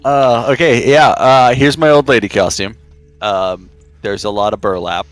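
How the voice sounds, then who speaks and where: A man playing a tabletop game, improvising in casual, enthusiastic and halting chat. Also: mid-range voice, fairly even intonation, no room sound, faint music behind.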